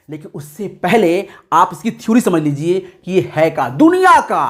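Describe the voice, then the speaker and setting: A man teaching exam tips to students, emphatic and repeating key points. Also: high-pitched. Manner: emphatic, addresses students as kids.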